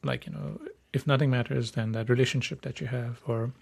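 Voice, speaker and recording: Young male podcast host from Nepal, mid-pitched, eager, talks in quick bursts with frequent self-corrections. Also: steady tone, vocal fry, darkish tone, slightly rough. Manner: upbeat, enthusiastic, restarts words often. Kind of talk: solo podcast monologue.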